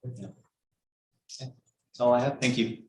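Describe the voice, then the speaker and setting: A man's voice: medium pitch, steady tone, measured pace, a little hiss or hum. A man speaking as a firefighter guest, informally answering questions at a community meeting. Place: indoor meeting room. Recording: echoey room, far from mic.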